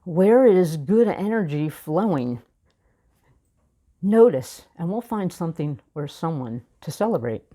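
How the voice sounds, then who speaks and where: A woman minister giving a sermon, telling a personal story in a reflective way with measured pauses. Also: lowish voice, animated, mellow.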